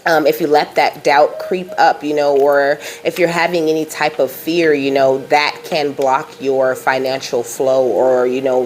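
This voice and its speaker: Speaking in a very deep, darkish voice, a female tarot reader delivers a casual psychic reading. She rambles and reassures, relaying messages from Spirit and often adding "you know" and "okay?"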